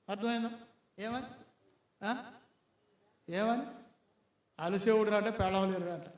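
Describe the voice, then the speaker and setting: A male pastor preaching a sermon in a church hall, firing rhetorical questions at the congregation. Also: high-pitched.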